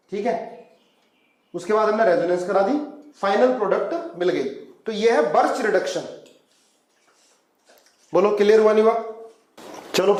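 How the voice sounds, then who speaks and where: High-voiced Hindi chemistry teacher, echoey room. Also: male voice. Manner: coaxing, calls students "beta", asks them to follow along. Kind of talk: classroom lecture at a whiteboard.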